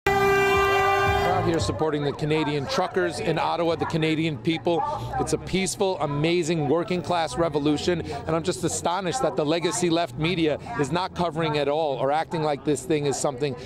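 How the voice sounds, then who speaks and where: A man's voice: on the high side, moderate pace. A man interviewed at an outdoor street protest, speaking emphatically and indignantly into a handheld mic. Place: busy city street outdoors. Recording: crowd noise behind.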